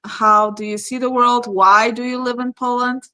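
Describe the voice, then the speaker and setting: Arizona woman hosting her channel, bright sharp voice, quick friendly questions. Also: a little high, little pitch movement. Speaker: channel host. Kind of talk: casual interview hosting.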